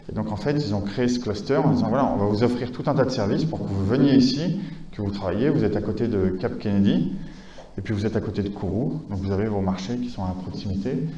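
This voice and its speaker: A man's voice: fairly low pitch, warm tone, roomy sound, highs cut off, a little hiss or hum. A man giving a conference lecture, talking with many hesitations, fillers and restarts. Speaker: conference speaker.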